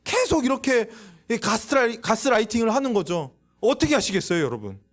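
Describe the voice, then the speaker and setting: A man's voice: very high-pitched, brisk. A man preaching a youth sermon in a church, asking the listeners questions and acting out voices. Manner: lively, acts out quoted voices, asks the audience questions. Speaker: youth pastor. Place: church sanctuary.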